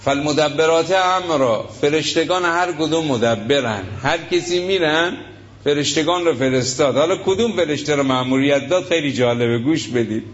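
Emphatic male preacher, lo-fi. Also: on the high side. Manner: emphatic, rhetorical questions, retells stories with acted quotes. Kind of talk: sermon. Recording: lo-fi muffled recording.

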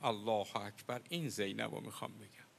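A man preaching a mourning sermon, telling a story with quoted dialogue and building to loud lament. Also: lowish voice, gravelly. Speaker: preacher reciting a mourning narrative.

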